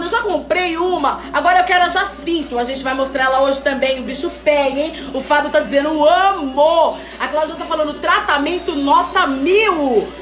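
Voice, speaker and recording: A high-pitched woman hosting a live sales stream, chatty and teasing as she reads out viewer comments. Her voice rings in an echoey room with faint music behind. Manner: lively, chatty and teasing, calls viewers "mulher". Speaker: host selling wigs on a live stream. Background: faint background music.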